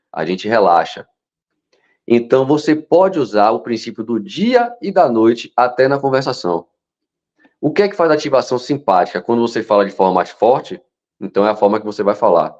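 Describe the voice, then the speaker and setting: A man teaching a hypnosis lesson, telling stories with animation and sometimes dropping to a soft, slow voice to show calm. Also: mid-range voice. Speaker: hypnosis instructor. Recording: dull lo-fi sound.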